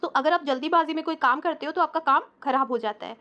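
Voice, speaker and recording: A woman teaching an English grammar lesson, patiently explaining step by step and reading out slow English example sentences. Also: high voice, bright, forceful tone, dull audio, slight background noise.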